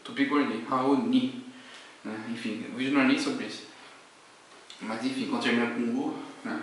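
A man's voice: mid-range voice, fairly even intonation, fairly quick, recorded from a distance. A young man from Brazil chats his way through a hair product review, wandering off topic and restarting his sentences. He sounds set back from the mic in a very echoey room. A faint hiss runs under his voice. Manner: rambling, self-correcting, chatty. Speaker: vlogger.

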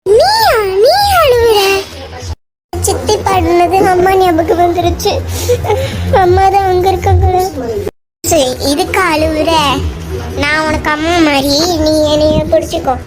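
A woman's voice: extremely high pitch, fairly even intonation, unhurried. A woman reading a fan-edited serial, shifting between many characters' voices. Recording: loud background music.

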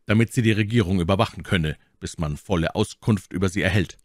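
A man voicing a young naval officer who answers calmly and curtly, in a dry audiobook reading. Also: low-pitched, fairly quick, dry recording, natural voice. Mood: calm, formal. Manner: calm, curt and polite. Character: young naval officer, calm, cold and curt.

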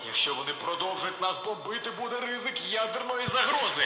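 A man commentating on his own war game as he plays, excited and talking to himself in short repeated words. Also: sits high, fast talker, reverberant, long reverb tail, music in the background. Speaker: gamer playing a war game. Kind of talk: live gameplay commentary.

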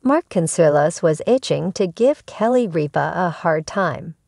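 Low, gravelly woman narrating. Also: a little slow, dry recording, clean studio sound. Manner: reads a written script in even, formal sentences. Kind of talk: scripted entertainment news narration.

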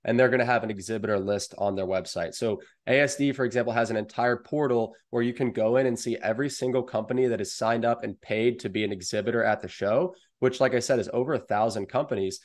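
A young American man, an online wholesale seller, gives explanatory advice as a guest on a video call interview from a room at home. His mid-range voice moves fast with hardly any pauses.

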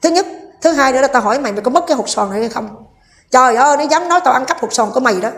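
A woman's voice: high voice, expressive, racing. A woman vlogger, delivering a heated, combative rant and scolding while speaking directly to her viewers.

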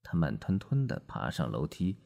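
A man's voice: low voice, wildly swooping pitch, moderate pace, gravelly, darkish tone, muffled recording. A man narrating a hard-boiled novel in the first person with a dry delivery. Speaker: audiobook narrator.

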